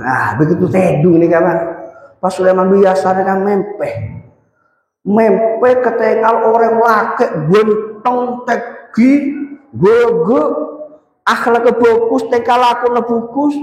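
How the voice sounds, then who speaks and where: A man preaching a storytelling sermon at a mosque, talking in an animated way and calling to his listeners. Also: high-pitched. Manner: animated, addresses listeners as Pak and Kak. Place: mosque hall. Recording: echoey hall with long reverb.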